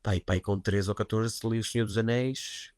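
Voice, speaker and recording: In a casual interview, a man who writes and teaches writing talks about the craft with a fairly low voice and a European Portuguese accent. He speaks fairly quickly, easygoing and a little self-mocking, rambling with lots of fillers such as "pá." The recording is dry and close.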